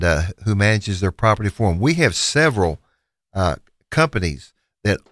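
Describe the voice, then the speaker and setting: Um homem com sotaque do sul dos Estados Unidos, apresentador e leiloeiro, falando num bate-papo de rádio cheio de hesitações e recomeços. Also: male voice, fairly low pitch, a bit bright, dry recording, studio quality. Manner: rambling, many restarts and fillers. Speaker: auctioneer and radio host. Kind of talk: casual radio talk.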